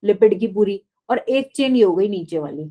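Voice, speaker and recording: A woman's voice: mid-range voice, animated, normal speed, warm tone. A woman teaching biology in a live online class, explaining step by step and often asking the class questions.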